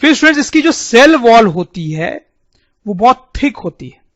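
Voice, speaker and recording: High-voiced man teaching, dull dry sound. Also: big pitch swings, normal speed, a bit bright, no room sound. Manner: repeats key terms, keeps addressing students. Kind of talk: biology lesson over diagrams.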